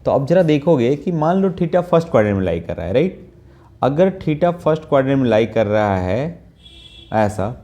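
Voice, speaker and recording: A man's voice: lowish voice, dark tone. A man teaching trigonometry in Hindi, explaining step by step and often checking in with the students, mixing in English math terms. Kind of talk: Hindi math lesson with whiteboard.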